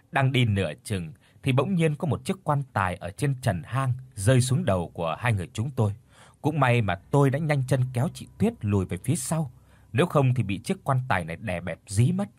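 Male narrator for a ghost story, husky, animated pitch, dramatic delivery. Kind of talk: scripted horror story narration.

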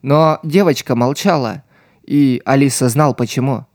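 A man narrating an audiobook in a slow, measured manner. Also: mid-range voice, darkish tone, dry recording, clean studio sound. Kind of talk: scripted narration.

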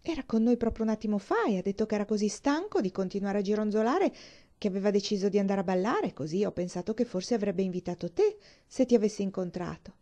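A woman's voice: medium pitch, lively intonation, fast talker, warm tone, highs cut off, natural voice. A woman reading aloud and voicing a placid, kindly older lady in an audiobook.

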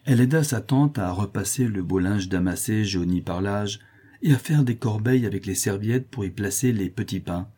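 A man reading a novel aloud as audiobook narrator, measured and expressive. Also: lowish voice, slightly rough.

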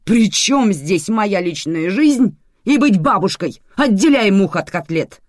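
A reader voicing an indignant, self-absorbed middle-aged mother who exclaims loudly in a dry, close recording. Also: on the low side, sing-song, moderate pace, breathy edge, no room sound. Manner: loud, exclaiming.

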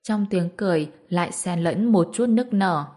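A woman reads a family story aloud in a calm, steady way. Her voice sits fairly low for a woman and moves at an even pace. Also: moderate pace. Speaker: narrator. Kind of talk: storybook narration.

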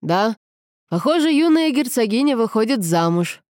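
A woman's voice: a little high, big pitch swings, moderate pace, a little mellow, no echo, clean studio sound, voice pushed up. A woman reading an audiobook, voicing a wry, easygoing male photographer. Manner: wry, sighing.

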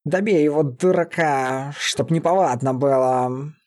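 A man reading an audiobook, voicing a gruff, short-tempered male beastman warrior with a slow, heavy growl. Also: a little high, darkish tone, lightly acted. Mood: growling angry.

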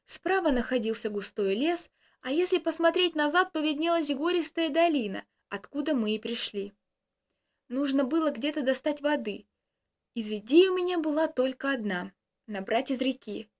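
A woman reading a first-person story aloud in a steady, expressive way. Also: high voice, normal speed.

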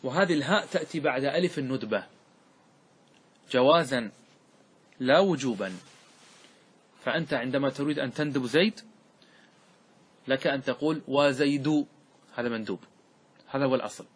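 A man teaching Arabic grammar in a classroom lecture. He keeps asking his students questions, repeats key words and draws out example words slowly. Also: medium pitch, breathy edge.

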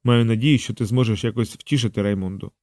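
A man's voice: on the low side, steady tone, fast talker, no echo, studio quality, lightly acted. A man playing a cool, mysterious thief. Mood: quietly apologetic. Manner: quiet, detached, apologetic. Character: calm, mysterious male thief, cool and detached. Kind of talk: audiobook character reading.

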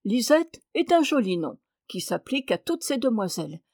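A woman's voice: on the high side, big pitch swings, moderate pace, darkish tone, no echo, clean studio sound. A woman reading aloud, voicing a haughty, self-important male hairdresser who talks down to his clients. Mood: pompous. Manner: pompous, condescending. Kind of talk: audiobook character reading.

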